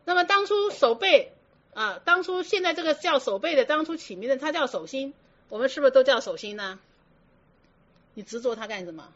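Woman, Buddhist dharma talk, fairly high voice, many rhetorical questions, dull lo-fi sound. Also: animated, a little fast. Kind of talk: Buddhist sermon. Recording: dull lo-fi recording.

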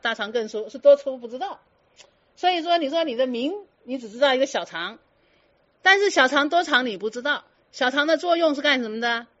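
A woman's voice: sits high, animated, a little fast, a bit bright, dull audio. A woman giving a Buddhist dharma talk to students, firing teasing rhetorical questions and slipping in English words. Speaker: Buddhist teacher.

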